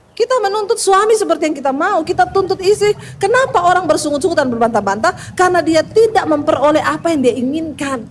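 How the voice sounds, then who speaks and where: High-voiced woman preaching with humor. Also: slight background noise. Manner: lively storytelling, joking with the congregation. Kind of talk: humorous sermon.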